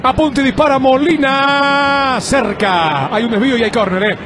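A man delivering breakneck football goal commentary, loud and excited, with drawn-out exclamations. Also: very high voice. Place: football match broadcast. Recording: loud stadium crowd and noise.

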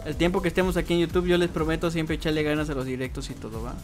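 Racing through his words in a fairly high, steady-toned voice, a young Mexican-accented streamer chats casually while gaming. He reads viewers' comments aloud and responds to them, with faint music in the background.

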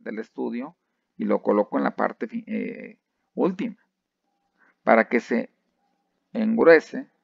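A man lectures with a heavily gravelly, creaky voice at a middle pitch. He keeps checking in with his listeners and often restarts his phrases. The sound is dry and a little dull. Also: dry recording. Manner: lively, asks the class "¿sí?" often, many restarts. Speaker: university lecturer. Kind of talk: classroom lecture.

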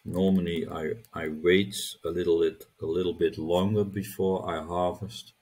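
Middle-aged man, tutorial host: deep and husky, unhurried, halting, repeats words as he clicks. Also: level tone, a little mellow. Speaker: crypto channel host. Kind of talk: screen-recorded tutorial walkthrough.

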